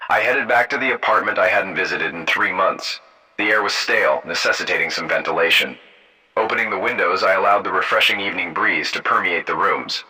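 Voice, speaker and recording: Low, bright-toned male storyteller. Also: brisk, poor audio. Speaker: narrator. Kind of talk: first-person story narration.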